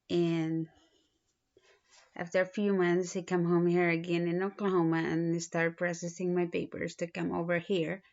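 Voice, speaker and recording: A woman in her thirties from the Philippines, speaking with a Filipino accent, introducing herself in a halting way with many pauses and restarts. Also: on the low side. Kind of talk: self-introduction video. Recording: dull lo-fi recording.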